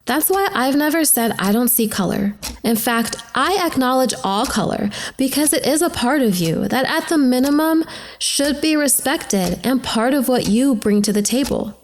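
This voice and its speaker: This high-pitched, expressive voice at normal speed belongs to an actress playing a troubled young woman questioning herself in an introspective voice-over. The delivery is reflective and searching, set against prominent music, with a little hiss or hum.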